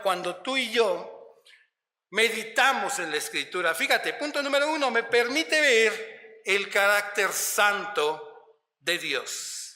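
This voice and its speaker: High bright guy preaching slow in a big echoey church hall. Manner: addresses listeners as beloved brother, frequent tag questions; slow, measured delivery with stretched emphasis. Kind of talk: sermon. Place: church sanctuary.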